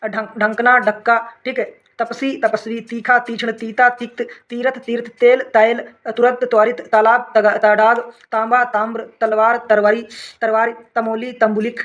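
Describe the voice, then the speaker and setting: A male teacher giving a rapid revision lesson, reading word pairs aloud one after another and often checking in with his students. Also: very high voice, little pitch movement, a bit bright, highs cut off. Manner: rattles off word lists, often says "okay, friends". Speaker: exam prep teacher.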